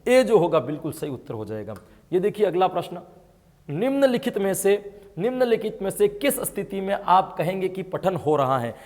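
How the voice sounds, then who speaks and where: A man's voice: sits high, sing-song, moderate pace, a little mellow. A man teaching an exam-prep lesson, explaining answers and asking his students questions as he goes. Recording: long hall reverb.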